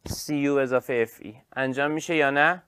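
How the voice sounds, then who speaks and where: A man teaching an online chemistry class, lively and praising his students by name. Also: medium pitch, clear, resonant tone, no room sound.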